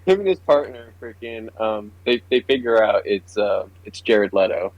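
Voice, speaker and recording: Young male podcast co-host, animated retelling, dry booth sound. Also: fairly low pitch, moderate pace, no room sound, dull audio. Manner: excitable, swears a lot, laughs while retelling scenes. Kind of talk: casual chat.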